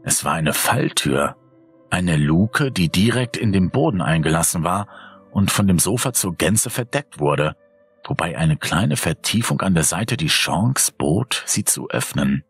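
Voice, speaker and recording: A man narrating a horror story in a calm, steady reading voice. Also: deep voice, measured pace, slightly rough, no room sound, soft background music. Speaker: audiobook narrator.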